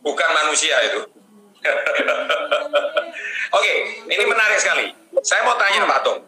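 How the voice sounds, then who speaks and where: A male host with a very bright, sharp voice that swings widely in pitch. He reacts with exclamations and short interjections. He is heard in an echoey room with faint music behind him. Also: very animated, a little slow. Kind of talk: live stream interview.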